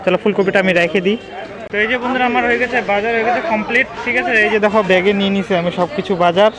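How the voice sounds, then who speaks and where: A man's voice: high voice, rapid-fire, a crowd in the background, poor audio. A young man with a Bengali accent, chatting to viewers in a casual daily vlog while walking through a market at night, often checking in with them. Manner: chatty, addresses viewers as friends, keeps asking "okay?". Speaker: vlogger. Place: outdoor market and street at night. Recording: outdoor phone vlog with traffic noise. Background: street and vehicle noise.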